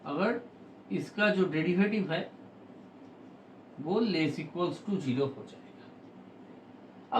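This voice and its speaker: A man teaching a math lesson, explaining slowly and step by step with frequent pauses. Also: high voice, echoey room, distant mic, a little hiss or hum, rough recording.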